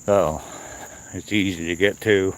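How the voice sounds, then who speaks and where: A man walking and talking on a wooded trail outdoors, chatting casually and unscripted to his viewers, with pauses. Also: deep voice, fairly even intonation. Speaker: livestreamer on a morning walk. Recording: outdoor noise, insects and nature ambience.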